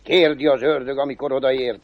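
A man telling a folk tale in a lively way, shifting pace and pitch. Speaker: storyteller. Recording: dull, dry recording.

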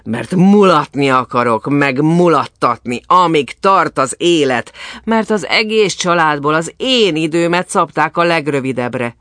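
A man voicing February, a merry young prince of carnival who loudly proclaims his love of fun. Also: a little high, animated, dry recording, studio quality, pitched above the performer's own voice. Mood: exuberant. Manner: loud, exuberant, proclaiming.

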